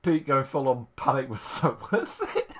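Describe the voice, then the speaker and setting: A man with a Manchester accent, hosting a casual live stream and reacting to old tapes with laughter, swearing and quick asides to his chat. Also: medium pitch, lively intonation, breathy edge. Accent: Mancunian. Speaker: streamer host.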